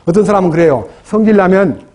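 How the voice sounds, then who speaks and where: Husky high-voiced Korean preacher man. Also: lively intonation, quick pace, a little mellow. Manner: preaching with questions to the congregation and acted prayers. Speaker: pastor. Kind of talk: sermon. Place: church.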